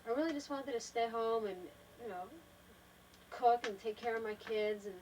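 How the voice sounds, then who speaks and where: A slightly high, a little mellow female voice at normal speed belongs to an older woman, the wife in a family home video. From a travel trailer she reflects casually and thoughtfully to the camera, often trailing off and restarting. The mic is distant, with a little hiss or hum on a rough recording.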